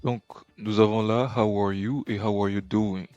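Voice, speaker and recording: A man teaching English greetings patiently, stopping often to check that the listener follows. His voice is low and sits in a dry, close recording. Faint music plays underneath. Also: steady tone, measured pace, darkish tone, clear, resonant tone, no echo, highs cut off. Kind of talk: explanatory language lesson.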